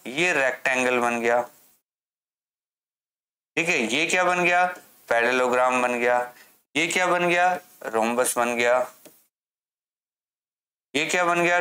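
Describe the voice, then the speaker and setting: A man's voice: a little high, pushed and bright. Man teaching maths, asking and answering. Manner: asks questions and answers them himself, slow English read-outs. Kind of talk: classroom lesson explanation.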